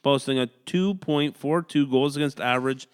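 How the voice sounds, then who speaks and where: A man's voice: mid-range voice, smooth. A man co-hosting a casual hockey podcast at home, rattling off player stats and laughing often. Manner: reads stats in a quick list, breaks into laughs. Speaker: podcast co-host. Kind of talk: casual sports chat reading stats. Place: home room.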